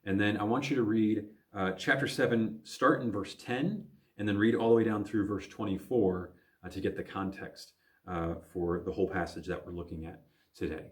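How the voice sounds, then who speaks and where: Low-voiced pastor teaching a Bible lesson. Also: male voice, steady tone, normal speed. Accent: Midwestern American. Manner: thinking aloud with many fillers and restarts. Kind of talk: recorded video Bible lesson.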